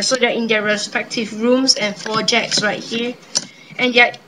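Young woman, bright tone, halting casual demonstration, improvised patter, slightly noisy home recording. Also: fairly high pitch. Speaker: amateur magician presenting a card trick. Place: indoors at a table.

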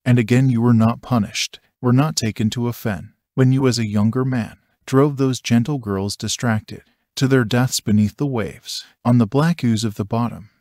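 A man's voice: mid-range voice, fairly even intonation, moderate pace, hardly any pauses, darkish tone, dry recording, clean studio sound, lightly acted. A man reading the lines of a newborn boy who accuses an old seer defiantly. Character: half-month-old baby boy, defiant and merciless.

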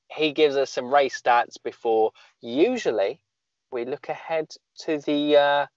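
A man's voice: on the high side, no room sound, lo-fi sound. A man co-hosting a casual podcast, rambling and joking at his own expense. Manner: joking, rambling, self-deprecating. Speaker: podcast co-host.

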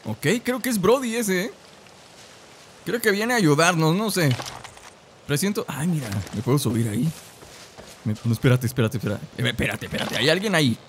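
Mexican male let's-player, lively pitch, tired throat, noisy game audio underneath. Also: moderate pace, pauses often. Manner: chatty, talks to his companion and the audience, bursts into excited shouts. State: tired throat, lozenge in mouth. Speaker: gameplay commentator. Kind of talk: casual let's-play commentary.

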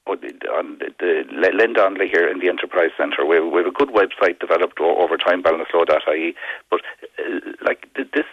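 A fast-talking man with a west of Ireland accent gives a radio interview. His voice is low and husky, and he often doubles back on his words. The sound is dull and band-limited. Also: no room sound. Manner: hesitant, repeating words as he goes. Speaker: community development company representative, interview guest.

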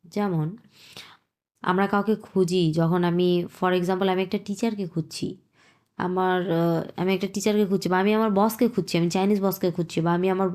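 A woman teaching Chinese in an online lesson, patiently repeating phrases slowly and then explaining them. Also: on the low side, steady tone, darkish tone.

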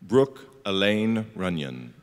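A man reading graduates' names at a commencement ceremony, slowly and deliberately, one name at a time. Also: low voice, sing-song. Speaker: name reader. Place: large auditorium. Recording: long hall reverb.

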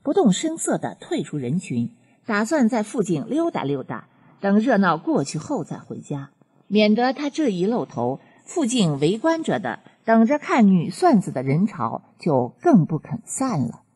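A woman reading a serialized novel aloud as an audiobook narrator, with expressive storytelling. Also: mid-range voice, normal speed, husky. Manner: expressive storytelling, voicing each character.

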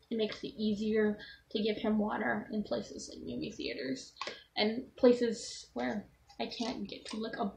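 A young woman with a fairly high voice chats loosely to her camera, showing off gear with lots of ums and restarts. A faint hiss sits under her casual vlog talk. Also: gravelly. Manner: rambling, self-correcting, with frequent ums. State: has the hiccups. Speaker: vlogger with a service dog. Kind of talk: casual show-and-tell vlog.

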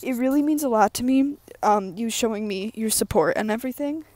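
Walking uphill outdoors near the woods, a young woman vlogs for YouTube in a slightly high voice, a little winded and rambling with plenty of ums and likes. Her humor is dry and self-deprecating, her pace brisk. The recording is dry, captured on a wired earbud headset mic with her phone held low.

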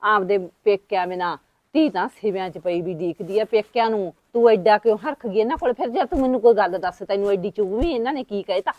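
Woman as older village mother, chatty and coaxing, quick talk, dry close sound. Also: medium pitch, dry recording, muffled recording, natural voice. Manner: rambling, reminiscing, coaxing. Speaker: mother and aunt. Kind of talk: village family short-film acting.

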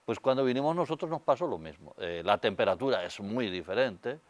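A man's voice: mid-range voice, lively intonation, fairly quick, dry recording. Older Spanish man telling stories. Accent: Spanish, from Spain. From Spain. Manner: storytelling, gestures with hands, many fillers. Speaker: guest. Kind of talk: studio interview. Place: TV studio set. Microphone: lapel.

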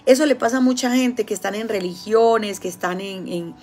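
A woman with a Colombian accent giving a casual spiritual talk, telling stories with lively, acted-out quotes. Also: mid-range voice, normal speed. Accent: Colombian Spanish. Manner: animated storytelling, acting out quoted voices. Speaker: spiritual healer.

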